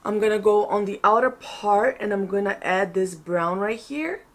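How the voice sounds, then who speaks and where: A woman with a medium-pitched voice presents a makeup tutorial in a casual vlog style. She is chatty and informal, often thinking out loud as she explains each step. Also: moderate pace. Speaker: makeup vlogger.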